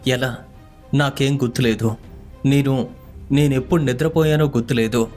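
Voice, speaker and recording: An easygoing young working man, as a male storyteller puts him on, speaking casually and sounding bewildered. His voice sits at an ordinary middle pitch. Soft music plays quietly underneath. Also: moderate pace, close to an everyday voice. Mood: frightened. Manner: casual, says "bro".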